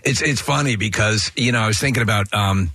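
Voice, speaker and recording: A man hosting a casual podcast chat, halting and repeating words as he gathers his thoughts. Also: fairly low pitch, sharp tone, no echo. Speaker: podcast host.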